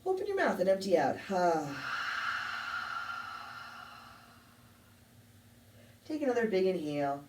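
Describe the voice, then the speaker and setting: A woman teaching a yoga class, calmly calling out poses and breaths with a touch of self-deprecating humor. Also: medium pitch, fast, few pauses, noisy background. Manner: calm cueing with light self-deprecating humor. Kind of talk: guided yoga class instruction. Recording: echoey room, mic at a distance.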